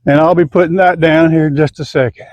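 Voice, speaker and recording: In a casual how-to garden vlog, an older home gardener walks through his chores step by step in a folksy, plain-spoken manner, his voice a little high for a man, with fairly even intonation and a quick pace. It was recorded outdoors on a camera mic, so the sound is dry, lo-fi, and free of room echo.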